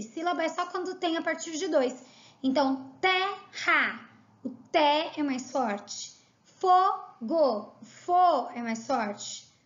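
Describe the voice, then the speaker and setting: A woman with a Brazilian Portuguese accent, teaching a recorded lesson and reading words out slowly and clearly. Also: high-pitched, muffled recording. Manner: slow, clearly spelled-out dictation of words.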